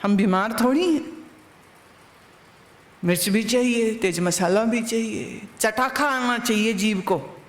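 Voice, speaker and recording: A woman spiritual teacher gives a satsang, sharing anecdotes and posing rhetorical questions directly to listeners, captured in a roomy, echoing recording. Her voice is slightly high and slow, with long pauses.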